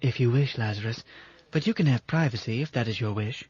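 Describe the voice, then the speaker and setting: A man reading an audiobook voices a calm, soothing female computer who speaks softly and gently. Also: mid-range voice, a little fast, breathy edge, no echo, close to an everyday voice. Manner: calm, soothing, soft-spoken. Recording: dull lo-fi audiobook recording.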